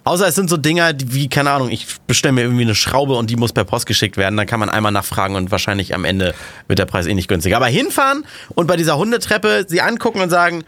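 A joking man tells anecdotes on a podcast with a lively, swooping pitch. He talks quickly, and the recording is dry and close. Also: no echo. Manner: animated storyteller, joking. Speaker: podcast co-host. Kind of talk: casual chat.

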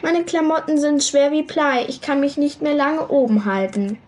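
A woman voicing a tiny, bossy girl who cries out in panic from inside a glass, with shrill, pleading cries. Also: moderate pace, darkish tone, lightly acted. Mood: panicked pleading.

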